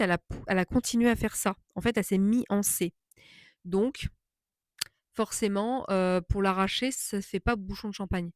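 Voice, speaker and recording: A woman's voice: mid-range voice, darkish tone, no room sound, studio quality. A woman vlogger chatting casually as she tells a personal story, indignant and emphatic, often repeating phrases for stress.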